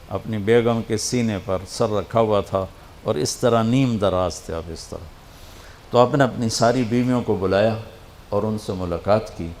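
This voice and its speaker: A man delivers a sermon as heartfelt storytelling, rising to loud passages and dropping to near hushes. His voice sits low, and it echoes around a roomy space over a faint hiss of background noise. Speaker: preacher.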